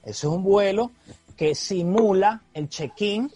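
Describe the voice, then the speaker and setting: A man's voice: sits high, unhurried, warm tone, husky, faint music behind. A man co-hosting a podcast, chatting in a laid-back, slangy way. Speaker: podcast co-host. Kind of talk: casual chat.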